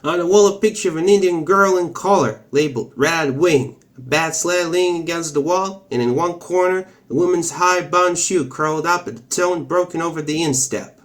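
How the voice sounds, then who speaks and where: Male reader, high-pitched, delivering book narration in a studied, put-on Oklahoma accent. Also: normal speed, few pauses. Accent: Oklahoma accent, practiced. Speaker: host of an accent challenge. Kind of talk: reading a novel aloud as an accent exercise.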